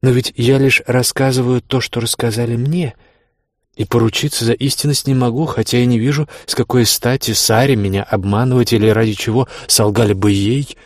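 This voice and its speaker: A man's voice: steady tone, brisk, no room sound, studio quality, lightly acted. A man voicing a spiteful, coquettish young lady in an audiobook, with mocking, sugary speech. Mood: gossiping. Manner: mocking, sugary, high-pitched. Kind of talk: audiobook character voice.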